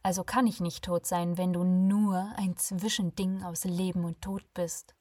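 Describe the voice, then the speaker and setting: A woman voicing a stubborn, self-important businessman who speaks loudly and insistently, in a breathy voice. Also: fairly low pitch, level tone, measured pace, no echo, clean studio sound. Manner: loud, insistent, tense.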